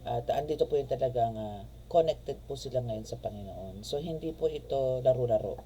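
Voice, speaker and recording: Mellow-voiced man reading tarot. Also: medium pitch, moderate pace, dull audio, a little hiss or hum. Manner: polite and chatty, filler-heavy, uses respectful "po" often. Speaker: tarot reader and spiritual healer. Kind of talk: casual tarot reading with spoken prayer.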